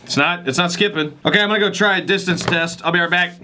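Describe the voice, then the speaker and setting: A man hosts a gadget unboxing video, talking to the camera in a casual, enthusiastic, chatty way, like an informal product review. His voice is high-pitched and sharp, and he talks fast. There's a bit of noise in the background.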